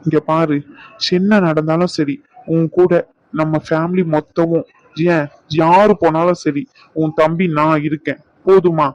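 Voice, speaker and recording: A man's voice: fairly high pitch, steady tone, unhurried, no echo, lightly acted. An actor playing a caring younger brother who reassures his sister and scolds her fondly. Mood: earnest. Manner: reassuring, warm-hearted teasing, affectionate scolding. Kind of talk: family drama acting. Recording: dull dry sound.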